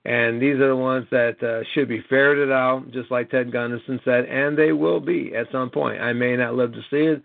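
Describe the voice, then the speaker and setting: The caller, an American in his late sixties, talks over a tinny, narrow telephone line on a conference call, his medium-pitched voice creaky with fairly even intonation. He goes at a moderate pace with few pauses, and the recording is dry. Rambling and earnest, he punctuates his points with an insistent "okay?"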